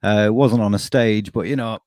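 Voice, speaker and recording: A man's voice: on the low side, steady tone, brisk, darkish tone, dry recording. A man, bantering casually in a dry, teasing way as a guest on a video call. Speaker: battle rapper, guest. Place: room at home, video call.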